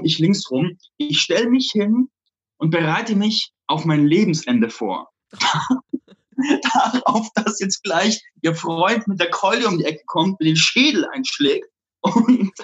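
Man, flirt coach, husky voice, a bit high, lively storytelling, dull lo-fi sound. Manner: animated, laughs often, acts out quotes. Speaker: interview guest, flirt coach. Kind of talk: casual storytelling interview.

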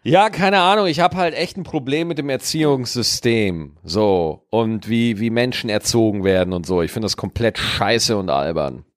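A man's voice: mid-range voice, moderate pace, hardly any pauses, no echo, clean studio sound. A man co-hosting a podcast in casual chat, emphatic and opinionated. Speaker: podcast co-host.

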